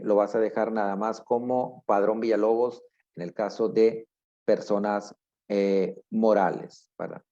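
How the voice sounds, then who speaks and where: A man with a Mexican accent, a public accountant walking through a screen-share software tutorial step by step and often checking in with a quick tag question. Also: mid-range voice, lo-fi sound.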